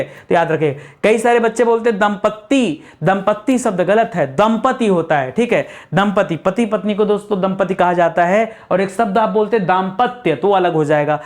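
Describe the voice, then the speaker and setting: A male teacher leads an exam-prep grammar lesson at a whiteboard. He fires rhetorical questions at his students and answers them himself. He stretches out each corrected word slowly and lets his voice sink to close a point. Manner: spells out words slowly, drops low to close each point.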